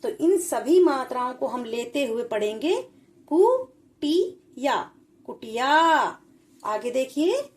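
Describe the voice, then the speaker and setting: A woman's voice: high-pitched, big pitch swings, slow pace, darkish tone. A woman teaching children a spelling lesson, patiently spelling out syllables one at a time.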